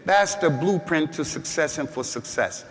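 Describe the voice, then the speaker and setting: An American man giving a Friday sermon as imam, emphatic, repeating words and rising to shouts. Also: fairly high pitch, lively intonation, normal speed. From United States. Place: mosque hall. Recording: long hall reverb.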